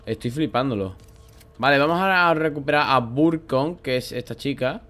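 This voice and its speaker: A young man from Spain with a Spanish accent and a sore throat, commentating a video game casually, swearing often and bursting into loud shouts. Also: mid-range voice, normal speed. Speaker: gaming YouTuber. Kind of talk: let's play commentary.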